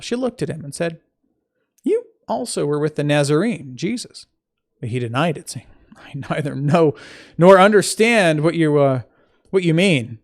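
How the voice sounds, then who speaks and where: A man's voice: a little high, creaky. A man reading scripture aloud. He stops to correct his own slips and adds informal asides between the verses. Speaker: Bible reader.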